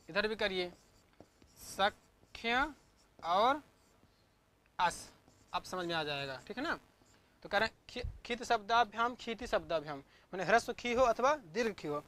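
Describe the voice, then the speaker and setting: A woman teaching an online grammar class at a medium pitch. She works slowly through each step, asks a question and then answers it herself. She repeats key forms several times to drill them in. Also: fairly bright tone. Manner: drills by asking and answering her own questions; repetitive, step-by-step explanation.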